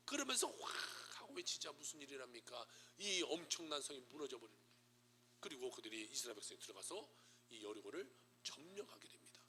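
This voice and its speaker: A man preaching in a church, his voice pitched somewhat high with a gravelly rasp and an intensely sharp, forceful edge. He swings dramatically between loud exclamations and hushed, breathy whispers. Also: a little hiss or hum. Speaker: pastor. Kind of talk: sermon. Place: church sanctuary.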